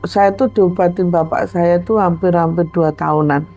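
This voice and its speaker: Gravelly woman with a Javanese accent. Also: on the low side, moderate pace, muffled recording, faint music behind. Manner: animated, acts out the voices in her story. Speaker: guest storyteller. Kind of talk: telling a personal supernatural story.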